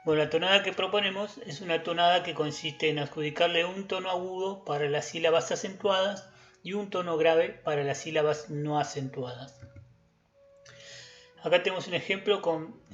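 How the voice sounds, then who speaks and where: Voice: mid-range voice, normal speed, lo-fi sound. A music teacher giving a recorded lesson, patiently chanting example words syllable by syllable.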